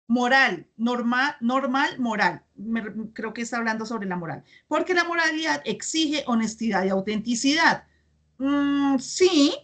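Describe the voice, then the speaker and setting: A woman's voice: fairly high pitch, a bit bright. A woman teacher running an online class, reading students' chat comments aloud and checking understanding with frequent tag questions.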